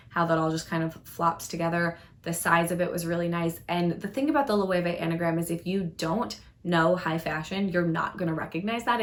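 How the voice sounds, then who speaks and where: A woman with a slightly low voice gives a casual product review to her vlog audience. She talks in a chatty, thoughtful way and often softens her points with little hedging fillers. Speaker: fashion YouTuber.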